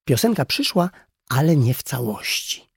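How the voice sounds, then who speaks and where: A man reading a children's animal story aloud in a slow, gently expressive way. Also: medium pitch, vocal fry, breathy edge, dry recording, studio quality.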